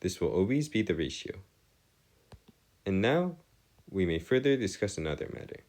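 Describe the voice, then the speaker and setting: A man with a low, slightly mellow voice, very animated and at a moderate pace, tutors math in an informal lecture. He explains things step by step, his phrasing formal and wordy, with hesitant self-corrections along the way.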